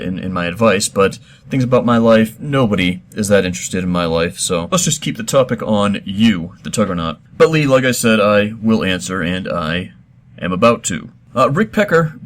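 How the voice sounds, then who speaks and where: A middle-aged man hosting a comedy show, answering listener questions in a deadpan, mock-serious, rambling way. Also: fairly low pitch. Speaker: host.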